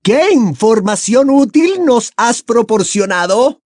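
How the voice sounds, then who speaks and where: A shrill, fanatical woman full of scorn, her voice pitched very high and strained, as a man puts her on. She accuses and snaps, quick to anger. An audiobook character voice, recorded close and dry. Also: big pitch swings, darkish tone, no echo, exaggerated voice. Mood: scornful.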